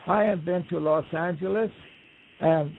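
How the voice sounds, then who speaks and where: A man's voice: on the high side, unhurried, gravelly, a little hiss or hum. Folksy man telling stories over a tinny phone line. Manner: folksy, rambling, acts out quoted voices. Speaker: guest storyteller. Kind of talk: relaxed conversational storytelling.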